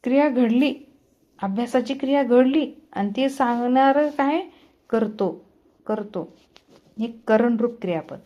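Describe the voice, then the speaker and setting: High-voiced woman teaching grammar step by step. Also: measured pace, long pauses, dull audio. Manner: explains step by step, asks and answers her own questions. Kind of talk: grammar lesson.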